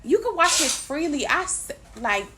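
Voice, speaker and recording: A woman in her thirties chats casually as a podcast co-host, her high voice bouncing all over the place. She talks emphatically and laughs easily, over a faint hiss of background noise. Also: big pitch swings, normal speed, bright, forceful tone, low-quality recording. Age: 30s. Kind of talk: casual chat.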